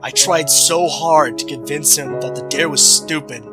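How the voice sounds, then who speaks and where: A man's voice: on the high side, steady tone, music in the background, pitched above the performer's own voice, close to an everyday voice. Man voicing a shaken, grieving young man. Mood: regretful dread. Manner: speaks quietly, halting, choked up. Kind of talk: horror story character dialogue.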